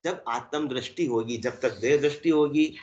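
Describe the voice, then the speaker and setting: A man giving a spiritual discourse, explaining by asking and answering his own questions and drawing out verse lines slowly. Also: medium pitch, darkish tone. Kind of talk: Hindi satsang discourse. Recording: dull lo-fi recording.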